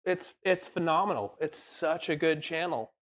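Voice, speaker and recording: Rambling, animated podcast co-host. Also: mid-range voice, normal speed. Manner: rambling, animated storytelling with quoted voices. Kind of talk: casual chat.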